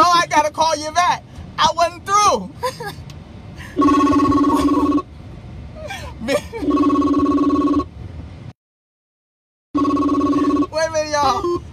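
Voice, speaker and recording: A woman hosting a live stream, talking in an animated way with preachy asides and frequent laughter. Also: high-pitched. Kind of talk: casual live-stream talk. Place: hot room in Las Vegas. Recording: noisy live-stream audio.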